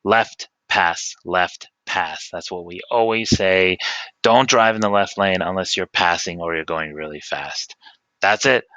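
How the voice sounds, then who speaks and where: A man's voice: fairly low pitch, sharp tone, no room sound, highs cut off. A man from New York City with a New York accent, a school's foreign English teacher giving a casual talk to students and repeating words for stress.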